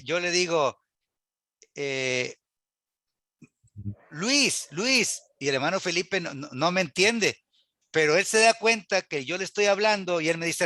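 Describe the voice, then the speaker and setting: Man, church Bible teacher, earnest, rhetorical questions, high bright voice, dry close sound. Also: no room sound. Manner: earnest, rhetorical questions, quotes scripture aloud. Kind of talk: church class lecture.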